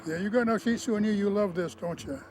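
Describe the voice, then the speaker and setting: A man adopting a dog, talking to it slowly in a coaxing, folksy way. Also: high voice, background noise.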